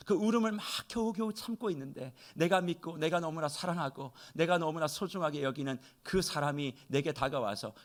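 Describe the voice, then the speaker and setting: 새벽기도회에서 설교하는 중년 남성 목사로, 강조할 때는 목소리를 높이고 때로는 속삭이듯 낮추며 핵심 단어를 길게 늘여 말한다. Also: male voice, a little high. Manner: emotional, swings from loud emphasis to near-whispers; slows down and stretches key words. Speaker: pastor. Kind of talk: dawn prayer sermon. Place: church sanctuary.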